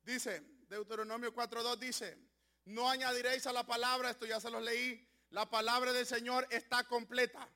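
A man preaching a sermon, who shifts from halting, self-correcting talk to loud shouted exclamations. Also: extremely high pitch, little pitch movement. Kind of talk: Pentecostal-style sermon.

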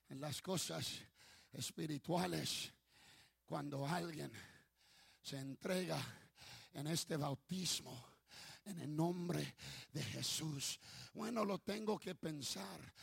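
A man's voice: on the high side, creaky, husky, no echo, clean studio sound. A man preaching as pastor of his ministry, fervent, calling for applause and telling stories with many restarts. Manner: storytelling with restarts. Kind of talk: sermon.

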